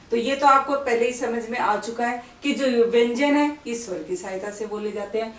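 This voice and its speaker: A woman's voice: on the high side, distant mic. A woman teaching a grammar lesson, explaining step by step, asking questions and answering them herself, and asking the listener to say words along with her. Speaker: Hindi teacher. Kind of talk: classroom-style grammar lesson. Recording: echoey room, voice away from the mic.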